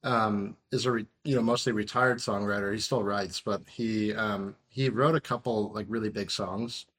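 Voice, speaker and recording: A man's voice: fairly low pitch, fairly even intonation, moderate pace, fairly bright tone. A man in his thirties, a podcast guest and musician, talking casually and rambling with many fillers. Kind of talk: casual interview chat.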